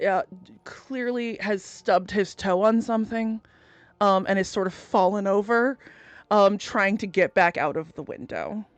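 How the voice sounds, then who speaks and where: A woman's voice: mid-range voice, unhurried, no echo. Woman game master narrating off the cuff, informal, swears a bit, dry sound. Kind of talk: improvised tabletop game narration, casual.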